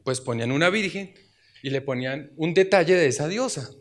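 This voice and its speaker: A man preaching a sermon in church, chatting with the congregation, asking rhetorical questions and breaking into loud exclamations. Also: a little high, expressive, fairly quick.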